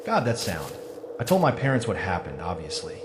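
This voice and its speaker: A man with a fairly low voice narrates a first-person horror tale. His delivery is dramatic and suspenseful, rising and falling expressively between deliberate pauses. Loud atmospheric noise sits behind the voice. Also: huge pitch swings.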